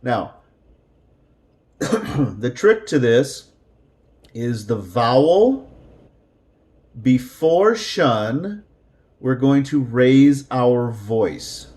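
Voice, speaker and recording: A male English teacher speaking at a very slow, deliberate pace. He repeats words one by one for his learners, and his pitch moves up and down a lot. His voice sits in a middle register for a man. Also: very animated, darkish tone.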